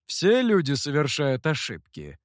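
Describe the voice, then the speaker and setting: A man reading as a cunning mentor who answers in a dry, measured, wry tone. The pitch sits a little raised, with a lively lilt, and the recording is close and dry. He remains composed even when he is accused. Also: no room sound. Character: calm, dry, cunning male master, older mentor. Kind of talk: audiobook character voice.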